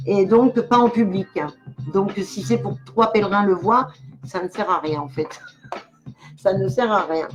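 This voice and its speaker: A woman's voice: medium pitch, low-quality recording. Chatty, giggly older woman medium. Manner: chatty, giggly, talks directly to viewers. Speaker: clairvoyant medium hosting a live stream. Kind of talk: casual live-stream chat.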